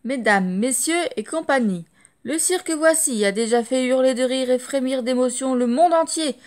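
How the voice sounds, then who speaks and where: A woman's voice: high-pitched, moderate pace, darkish tone, natural voice. A woman voicing a pompous male circus ringmaster making a grand storybook announcement. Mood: solemn boasting.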